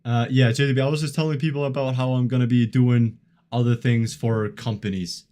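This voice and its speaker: A man in his early twenties chatting casually on a live stream, reading chat and laughing often in a relaxed, rambling way. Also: mid-range voice, a little fast. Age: 20s. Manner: laid-back, chuckles often, filler-heavy rambling.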